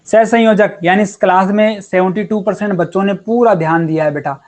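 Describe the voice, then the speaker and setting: Male teacher with a high voice, talks casually and warmly coaxes students through a live class. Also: fairly even intonation, fairly quick. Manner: chatty and encouraging, calls students beta and yaar. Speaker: online chemistry teacher.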